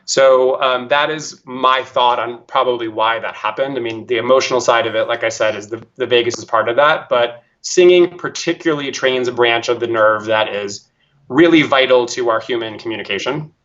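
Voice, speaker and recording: A man's voice: mid-range voice, normal speed, fairly bright tone, muffled recording. A man speaking as an interview guest, explaining in a careful, teacherly way and now and then showing voice techniques aloud.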